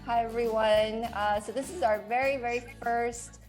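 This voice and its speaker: A woman's voice: fairly high pitch, steady tone, normal speed, darkish tone, soft background music, low-quality recording. Chatty woman in her forties hosting a podcast. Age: 40s. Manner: chatty, laughs easily, uses lots of fillers. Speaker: podcast host. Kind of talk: casual conversation. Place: home in Maine, US.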